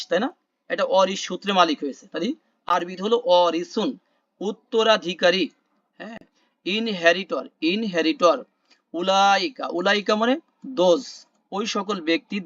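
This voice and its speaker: Male teacher on a video call, high pitch, patient and repetitive, muffled dry audio. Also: fairly bright tone, dry recording. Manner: explains slowly, repeating words and asking the class questions. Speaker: Quran vocabulary teacher. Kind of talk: online class teaching word meanings.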